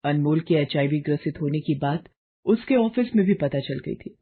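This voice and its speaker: A woman reading a family drama aloud as a storyteller, dramatic and emotive, with a husky, breathy voice. The audio is thin and phone-like. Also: low voice, expressive, normal speed. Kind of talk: scripted story narration.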